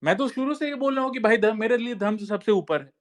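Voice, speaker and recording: This man talks fast in a very high pitch, a social media commentator giving a heated, insistent monologue in an online talk space. He repeats himself and keeps calling his listeners brother with "bhai."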